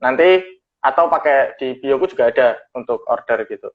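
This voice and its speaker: A man's voice: mid-range voice, animated, moderate pace. A man co-hosting a phone livestream, asking questions hesitantly with many fillers. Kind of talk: Instagram livestream talk. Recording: muffled lo-fi livestream audio.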